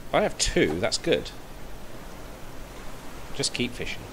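Over a noisy background and game music, a streamer in his thirties chats to himself on a headset mic as he plays. He takes things slowly, his mid-range voice swinging widely in pitch.

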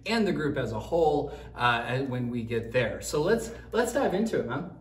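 A man's voice: medium pitch, sing-song, normal speed, roomy sound, far from the mic. A man co-hosting a casual church web show, chatting playfully while taste-testing snacks, sometimes talking with his mouth full. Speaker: pastor and co-host.

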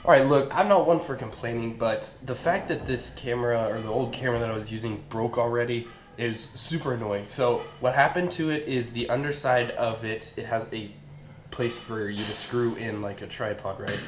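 A young adult man, a fitness vlogger, chats informally and with plenty of slang to the camera in home kitchens and a gym. His mid-range voice has fairly even intonation and a moderate pace. An action camera at short distance captures roomy echo and clear background noise.

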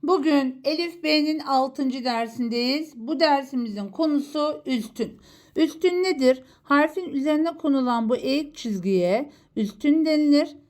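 A woman teaching a Quran reading lesson, slowly and patiently sounding out letters one by one. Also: sits high, animated, a little mellow. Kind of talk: slow recitation lesson.

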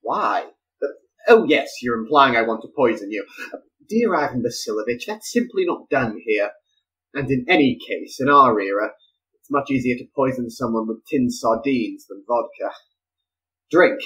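An actor playing a frantic, eccentric inventor who exclaims and pleads in a flustered way. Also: male voice, mid-range voice, animated, moderate pace, a bit bright, a little hiss or hum, close to an everyday voice, poor audio. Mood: placating.

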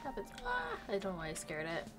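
This gaming channel host talks quickly in a mid-range voice with huge swings in pitch, sounding a bit nasal as she gets over a cold. It's casual let's play commentary, with her chatting to the game characters while game music runs underneath.

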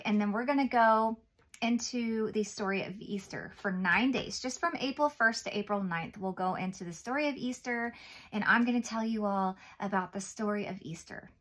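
A woman's voice: on the high side, fairly bright tone. A woman in her thirties reading and explaining a Bible lesson to young children in simple, encouraging words, as if reading to a toddler. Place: small indoor room, seated at a table.

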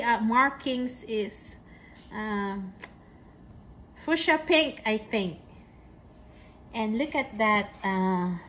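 A woman casually unboxing sunglasses at home, chatty and excited with lots of fillers. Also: fairly high pitch, a little hiss or hum, low-quality recording. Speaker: vlogger. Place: home kitchen.

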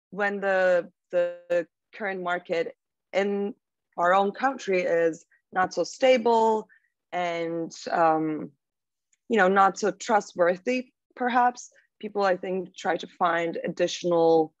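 A young Turkish woman with a Turkish accent speaks slowly in a lowish voice as a guest on a podcast, answering thoughtfully with fillers and restarts in casual interview talk. She's on a video call from a small room at home, and the laptop mic gives dull, dry audio with no echo.

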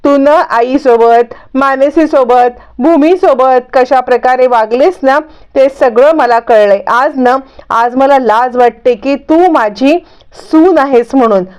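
A bossy, scheming middle-aged woman, read by a woman scolds slowly and sternly. Her voice sits high. The sound is muffled and lo-fi. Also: darkish tone, clean tone. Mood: scolding. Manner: stern, slow, hectoring scolding. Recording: dull lo-fi recording.

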